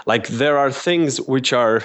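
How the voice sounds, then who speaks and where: A man's voice: medium pitch, slow pace, fairly bright tone. A man, a philosopher guest in an interview, explaining carefully and hesitantly with many restarts. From Slovenia. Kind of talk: casual interview.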